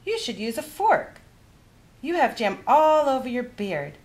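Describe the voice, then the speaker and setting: A woman voicing a kindly, chatty old grandmother in a storybook, with animated, exclamatory delivery. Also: on the high side, a little slow, voice pushed up. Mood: chatty, fussing.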